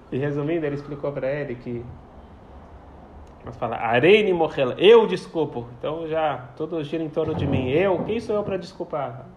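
A man teaching a prayer text to a small group, explaining and telling stories, often repeating his phrases. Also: medium pitch. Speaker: Torah teacher. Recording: slightly dull, faint background noise.

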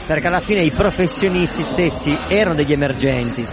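A man with a high voice hosts a live radio show outdoors. He talks casually, agrees readily and plays the hype man. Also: a little fast, crowd noise. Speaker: host of a rap radio show. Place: outdoor festival broadcast.

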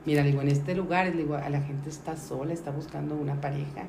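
With a deep, gravelly voice and a quick pace, a middle-aged Mexican-accented woman recounts a story as a podcast guest. Her manner is lively and casual as she acts out each person's voice; the recording is roomy with faint noise.

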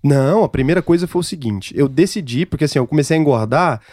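A man with a fairly high voice tells candid stories about himself, poking fun at his own struggles. He talks quickly, and his voice is close and dry. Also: lively intonation, a little mellow, dry recording. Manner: candid, self-mocking storyteller. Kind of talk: casual podcast chat.

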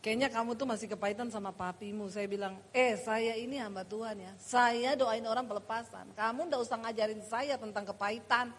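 A woman pastor preaching and giving testimony in a lively way, often turning to the congregation. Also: a little high, a little fast, few pauses, a little hiss or hum. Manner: lively, animated preaching, addresses the crowd. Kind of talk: sermon testimony.

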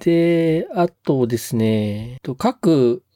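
A man's voice: mid-range voice, animated, very slow, mellow, dry recording, clean studio sound. A man co-hosting a podcast, chatting casually and politely with lots of hesitant fillers. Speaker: podcast co-host.

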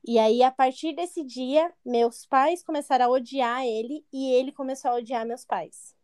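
A woman's voice: high-pitched, steady tone, normal speed, a little mellow, smooth. A woman in her twenties candidly telling a personal story in an interview, often acting out what others said. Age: 20s. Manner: candid, acts out quoted voices. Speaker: interview guest.

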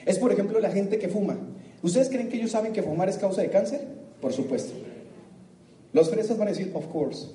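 Motivational speaker, high dark voice, echoey room, lively and playful with the crowd. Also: male voice, fast, recorded from a distance, slight background noise. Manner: asks the audience questions, acts out their answers, laughs often. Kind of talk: live talk to an audience. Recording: echoey room with faint ambience.

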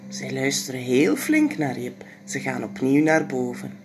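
A woman reading a children's story aloud, expressive and sometimes dropping into soft whispers. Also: rumbling low, a little slow.

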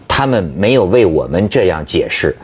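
A male talk show host whose slightly husky voice swings widely in pitch as he tells his stories. He acts out the lines he quotes with relish and keeps a lively, anecdotal flow in a panel conversation. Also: moderate pace.

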